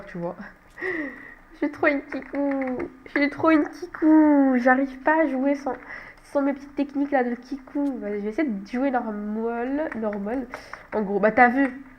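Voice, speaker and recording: A young gaming channel host, congested with a cold, talks a little slowly in a high-pitched voice while playing a game, chatty and self-mocking with frequent laughter. The audio is dull, with a little hiss or hum.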